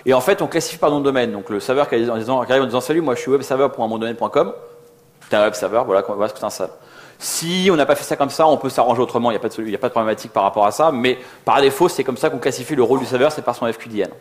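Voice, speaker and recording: A software developer co-presenting at a conference talks about tech informally, in slangy, conversational speech, often acting out small dialogues. He has a medium-pitched voice and speaks very fast.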